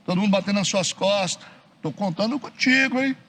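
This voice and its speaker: A middle-aged Brazilian pastor preaches in a loose, conversational way, mimicking the people he quotes and checking in with the congregation over and over. His voice is high and bright with a husky edge. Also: fairly quick. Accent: Brazilian Portuguese. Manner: acts out quoted churchgoers in mocking voices; frequent tag questions to the congregation. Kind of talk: conversational sermon. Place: church hall.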